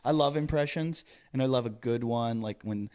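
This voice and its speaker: Man, comedian guest, casual chat, halting, rambling. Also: mid-range voice, a little mellow. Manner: rambling, halting, full of fillers.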